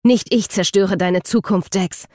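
A woman voicing a furious young woman who feels betrayed, shouting accusations bitterly. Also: medium pitch, steady tone, unhurried, no echo, clean studio sound, close to an everyday voice.

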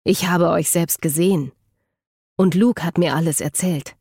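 A woman voicing a young man who coldly accuses his girlfriend in a flat, muttered tone. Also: fairly low pitch, measured pace, husky, no room sound, studio quality.

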